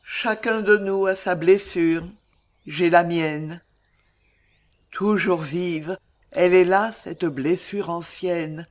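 A man's voice: sits high, fairly even intonation, takes it slowly. A man playing Roxane, a loving, grieving young noblewoman, delivering verse in an earnest, emotional way. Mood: wistful. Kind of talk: stage play reading.

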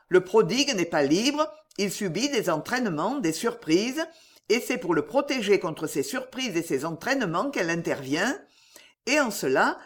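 A reader voicing a grave, cautious older notary who advises in a measured, earnest way. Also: mid-range voice. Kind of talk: audiobook character reading.

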